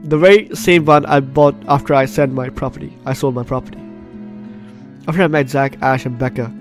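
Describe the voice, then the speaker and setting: Game music backs a walkthrough in which a man reads the displayed story aloud and reacts with exclamations. His mid-range voice is fairly even in intonation and a little fast.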